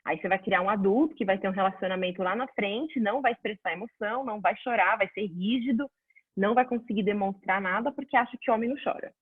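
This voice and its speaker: A woman's voice: medium pitch, quick pace, husky, no echo. Woman teaching over a tinny line. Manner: conversational, answers viewer questions, lively examples. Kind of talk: casual online class. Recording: dry phone-like audio.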